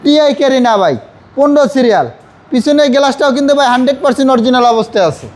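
Very high-pitched Bangladeshi male car salesman. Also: fast talker, a little mellow, a little hiss or hum. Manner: repetitive, emphatic praising. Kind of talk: casual sales walk-around.

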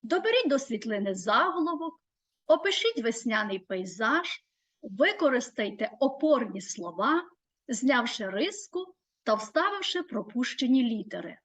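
High-voiced woman teacher presenting slowly. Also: big pitch swings, fairly bright tone. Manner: measured, deliberate delivery with listed terms spoken slowly. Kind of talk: scripted presentation.

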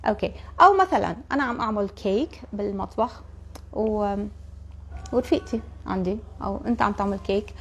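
A young woman with a Levantine Arabic accent teaching a live English class, chatty, and repeating English phrases slowly for her students. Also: medium pitch, fairly bright tone, slightly rough.

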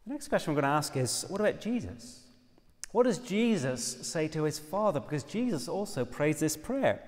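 A man with an Irish accent preaching an expressive, emphatic sermon, quoting scripture. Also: fairly high pitch, moderate pace, in a large hall. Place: church.

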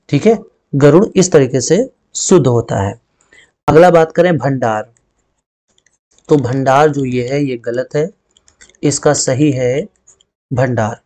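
A man's voice: medium pitch, dark tone. A man teaching a Hindi spelling lesson. He explains step by step and says each word twice. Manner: explains step by step, often adding "ठीक है" and repeating words.

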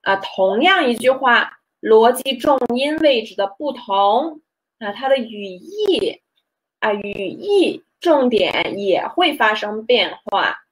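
Woman chinese teacher talking slow, mixes in english, keeps asking "right?". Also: on the high side, very animated, rough recording. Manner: slow, drawn-out teaching with frequent fillers and checks; mixes English glosses into Mandarin explanations. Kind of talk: bilingual language lesson.

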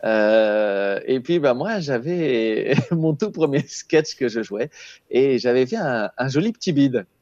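Slowly and with lively intonation, a man in his thirties, a comedian guest, keeps things easygoing in a relaxed interview, laughing a lot and using many fillers. He speaks in a mid-range, darkish voice from a small room at home through an earphone headset, and the video-call audio is slightly dull with no echo.

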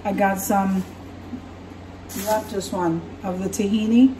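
A woman's voice: mid-range voice, slow pace, heavy background noise. Chatty woman in an echoey kitchen. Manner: chatty, relaxed, self-correcting. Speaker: vlogger. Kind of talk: casual grocery haul chat. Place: home kitchen, indoors. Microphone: camera across the counter. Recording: echoey kitchen, camera from far off.

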